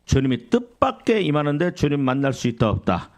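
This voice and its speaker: In a church sanctuary, a middle-aged male pastor preaches a sermon, asking the congregation questions he answers himself, quoting scripture and acting out complaining believers. His voice is fairly high and darkish, a little fast, with big pitch swings.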